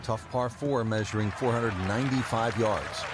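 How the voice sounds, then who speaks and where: A man playing a composed lead golf commentator, calling play in measured, brief broadcast observations. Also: on the low side, heavy background noise, close to an everyday voice. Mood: measured, attentive. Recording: loud music and crowd behind.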